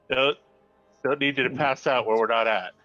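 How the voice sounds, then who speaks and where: A man playing a tabletop game, talking in a lively, joking way. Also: medium pitch, unhurried, dull audio, soft background music. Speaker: player.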